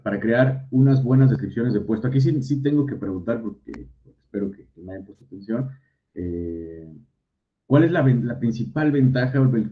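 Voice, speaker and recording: Mexican man teaching, low dull voice. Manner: thinks aloud with many fillers and restarts. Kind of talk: online class lecture. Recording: dull lo-fi audio.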